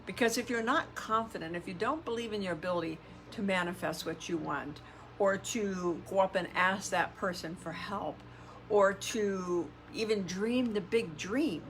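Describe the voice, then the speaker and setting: A middle-aged woman, a self-help podcast host and coach, speaks to camera in the casual but convinced style of a motivational influencer. Her mid-range, fairly bright voice moves at normal speed, and she drives points home with repeated phrases and rhetorical questions. Faint background noise lies beneath her.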